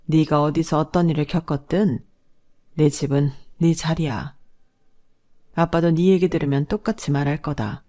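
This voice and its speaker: A woman voicing a caring older mother who speaks calmly and reassuringly. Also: deep voice, moderate pace, lightly acted. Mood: gentle. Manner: calm, reassuring.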